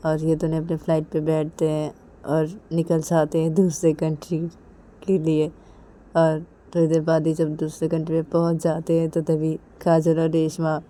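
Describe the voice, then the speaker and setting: A woman tells a romance story in a relaxed, casual way, chaining events with simple repeated phrasing. Her voice sits low and sounds mellow and warm. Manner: simple, repetitive phrasing with many linking 'then's.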